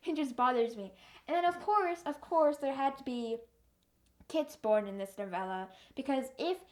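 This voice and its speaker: A young woman giving a casual, rambling book review rant in an exasperated, animated way. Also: high voice, moderate pace.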